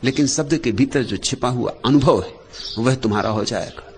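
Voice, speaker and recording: A man delivering a meditative spiritual discourse as a teacher, speaking in short, measured phrases with repeated refrains. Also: medium pitch, slight background noise.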